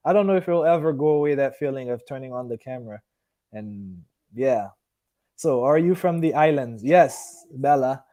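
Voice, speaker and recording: Answering viewers on a relaxed live stream, a man in his early thirties speaks with a medium-pitched, dark, animated voice at a moderate pace. He grew up in Haiti before moving to Miami at fourteen, and his talk rambles, slipping away from his point and returning to it.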